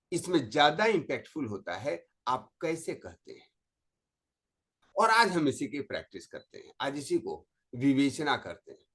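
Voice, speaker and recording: A middle-aged man, teaching a spoken lesson on communication with slow, emphatic stress on words. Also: on the high side, fairly bright tone. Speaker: motivational teacher.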